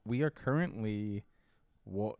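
A man's voice: fairly low pitch, slow, darkish tone, clear, resonant tone, no echo. A man co-hosting a casual podcast, joking and laughing often while he watches a game. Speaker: podcast co-host.

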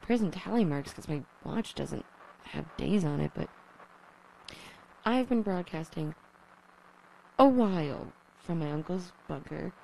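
Woman acting lonely young survivor, radio drama, low-ish voice, rambling, self-mocking, curses when rattled. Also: expressive, unhurried, creaky, pauses often, a little mellow, slight background noise, poor audio. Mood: wry. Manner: rambling, self-deprecating, swears when flustered. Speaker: lone radio broadcaster. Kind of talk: audio drama monologue.

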